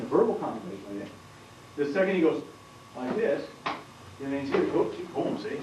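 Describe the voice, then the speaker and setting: A man's voice: a little high, a little hiss or hum. A man teaching a martial arts seminar, explaining moves while demonstrating on a partner and often asking the class questions. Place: training hall. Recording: roomy 1990s camcorder audio from far off.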